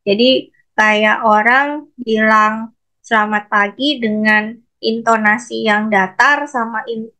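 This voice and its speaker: A woman's voice: fairly high pitch, steady tone, slow pace, pushed and bright. A woman lecturer teaching an online class, patiently explaining and calling on students by name. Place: online video call.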